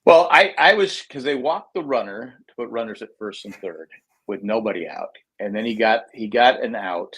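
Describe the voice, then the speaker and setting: A man's voice: lowish voice, lively intonation, normal speed, a bit bright, breathy edge, poor audio. A man co-hosting a baseball podcast, rambling and repeating words as he vents like a frustrated fan. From United States. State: has the hiccups. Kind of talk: casual sports chat.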